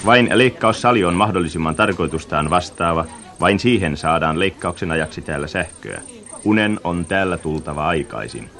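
Guy with a really low voice doing radio reportage narration, slow and descriptive, kinda reflective. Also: a bit bright.

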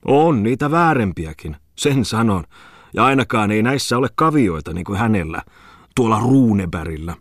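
A man voicing a sarcastic, quick-tempered middle-aged judge in an audiobook. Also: lowish voice, lively intonation, no room sound, studio quality, pitched above the performer's own voice. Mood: indignant. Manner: mocking, indignant.

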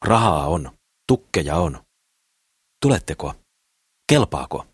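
A man voicing a cheerful, eager young businessman in an audiobook, speaking in an excited, pleading way. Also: extremely low pitch, husky, no echo, studio quality, full character voice. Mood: enthusiastic.

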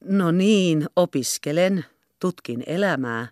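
A woman reading the part of a composed society lady who answers gently and carefully. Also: lowish voice, animated, no echo, clean studio sound, lightly acted. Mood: calm.

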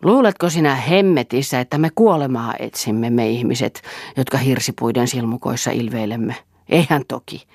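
Woman reading a sardonic, world-weary young man for a storybook, with a husky, breathy tone. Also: a bass voice, no echo, clean studio sound. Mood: bitter. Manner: bitter, hard, sardonic. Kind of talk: audiobook character reading.

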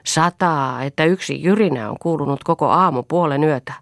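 A woman's voice: low-pitched, gravelly, no room sound, clean studio sound. A woman voicing a sleepy young maid who asks half-coldly, between yawns. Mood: offhand. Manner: half-cold, yawning questions.

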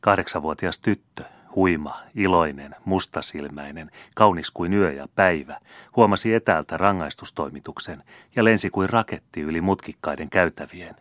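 A man narrating a classic novel as an audiobook in a measured, literary reading. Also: low voice, a bit bright, dry recording, clean studio sound.

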